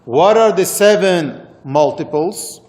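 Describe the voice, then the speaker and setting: Male religious teacher, Moroccan accent, slow halting delivery, higher-pitched voice, repeats phrases, interactive lesson style. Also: animated, darkish tone. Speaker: religious teacher leading a class.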